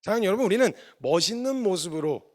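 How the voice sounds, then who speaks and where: A man's voice: sits high, expressive, fast, darkish tone. A man missionary preaching a sermon, telling stories and acting out the dialogue, earnest and confessional.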